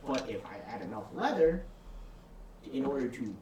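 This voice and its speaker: A man's voice: medium pitch, very animated, moderate pace, warm tone. A man playing a tabletop game, describing his character's actions in a rambling way and often restarting his sentences. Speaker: player. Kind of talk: casual tabletop game chat. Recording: roomy distant mic with faint noise.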